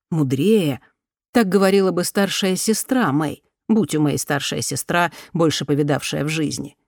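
Woman reading an audiobook, lowish voice, calm, super dry close mic. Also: dry recording. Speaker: audiobook narrator. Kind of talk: scripted narration.

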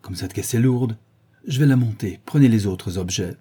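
A man voicing a cool, commanding young male dandy who gives orders briskly. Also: fairly low pitch, mellow, breathy edge. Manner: commanding, urgent.

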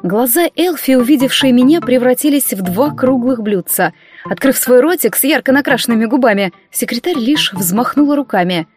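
A woman narrating an audiobook in a measured storytelling manner. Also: on the high side, expressive, soft background music. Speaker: audiobook reader. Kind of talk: scripted narration.

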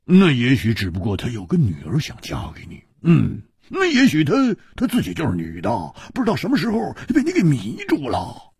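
A man voicing a rough, hearty young swordsman who talks loudly and sighs and chuckles between words. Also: mid-range voice, huge pitch swings, a little fast, hardly any pauses, dry recording, studio quality, pitched above the performer's own voice, full character voice. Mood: boisterous. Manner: loud, sighing, chuckling, fillers.

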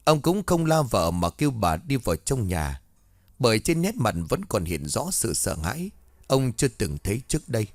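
A man's voice: medium pitch, no room sound, clean studio sound. A man narrating a ghost story as the channel host, with a formal, courteous introduction. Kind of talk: dramatic ghost-story reading.

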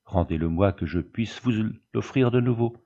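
A man's voice: on the low side, normal speed, dark tone, highs cut off. A man reading the part of a grieving old peasant widow who pleads in fervent prayer. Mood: pleading.

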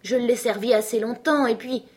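A woman's voice: on the high side, normal speed, darkish tone, pitched above the performer's own voice, close to an everyday voice. A woman reading a frightened, devoted older male butler in an audiobook, urgent and pleading. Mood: anxious.

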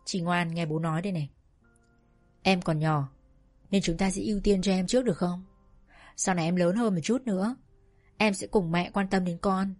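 A woman voicing a gentle, patient father who speaks softly and slowly. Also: mid-range voice, natural voice. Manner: soft, slow, soothing.

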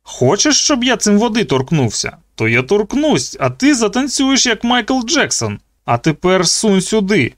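A male reader pushes his voice up into a cruel, jeering guard who toys with his victim. He talks in a loud, mocking singsong, close and dry with no room sound. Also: sits high, very animated, unhurried, few pauses, dry recording, voice pushed up, heavily acted. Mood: taunting. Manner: taunting, sneering, playful cruelty. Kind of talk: audiobook character voice.

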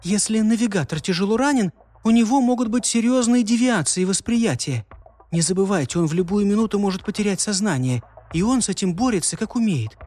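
A man voicing a calm, precise young woman expert who speaks in a measured, instructive way. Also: sits high, voice pushed up.

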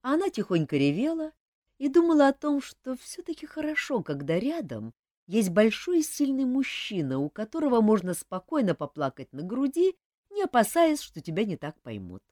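A woman narrating a story with an expressive, dramatic reading. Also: on the high side, moderate pace, no echo, studio quality. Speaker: audiobook narrator. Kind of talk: scripted narration.

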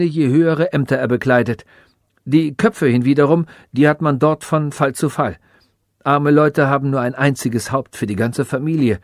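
A man's voice: fairly high pitch, dry recording, studio quality, lightly acted. Man playing a nervous, clever old sage. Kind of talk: audiobook reading.

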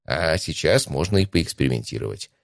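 A man reading an adventure audiobook in calm, even first-person narration. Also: extremely low pitch, brisk, creaky, no echo, clean studio sound.

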